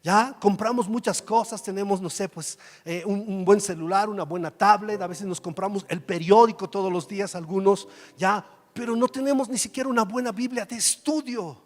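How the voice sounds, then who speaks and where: A man's voice: high-pitched, normal speed, hardly any pauses. A male pastor preaching a conversational sermon, using rhetorical questions and acting out Bible dialogue. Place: large church hall. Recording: reverberant church hall with faint music.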